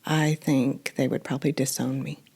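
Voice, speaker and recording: A woman's voice: rumbling low, level tone, vocal fry, a little mellow, husky, pitched below the performer's own voice, exaggerated voice. A woman playing a frightened pregnant teenage girl. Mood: worried. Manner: hesitant, halting with restarts. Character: scared pregnant eighteen-year-old girl, secretive and alone.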